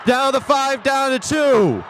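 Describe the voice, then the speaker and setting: A male play-by-play announcer making an excited, shouted touchdown call in live American football commentary, from an outdoor stadium. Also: very high voice, slow, a faint crowd. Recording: outdoor stadium broadcast with background noise.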